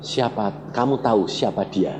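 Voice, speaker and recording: Calm fatherly god talking low and slow, pastor doing the voice, echoey hall. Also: natural voice. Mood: gentle. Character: God speaking tenderly to a man, calm and fatherly. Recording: reverberant church hall, faint background noise.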